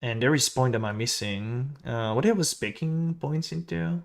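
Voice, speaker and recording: A man with a French accent talks casually while he streams a game. He thinks out loud, mutters half to himself and breaks off to answer his chat. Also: mid-range voice, normal speed, vocal fry.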